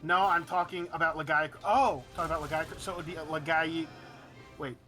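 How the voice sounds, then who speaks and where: A man's voice: a little high, faint music behind. A man streaming a game and chatting casually, joking around and correcting himself as he goes. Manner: joking, animated, quick self-corrections. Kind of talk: casual chat while gaming.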